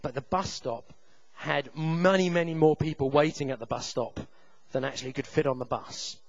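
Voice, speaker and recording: A man in his thirties preaching a sermon, telling a personal story with self-deprecating humor and loud shouted reenactments. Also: a little high, moderate pace, gravelly, muffled recording. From England.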